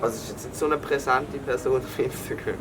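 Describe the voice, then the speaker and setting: A YouTuber with a Swiss German accent hosts a casual guessing game, full of playful, teasing banter. His voice is medium-pitched and steady, his pace quick, and vehicle sounds fill a noisy background.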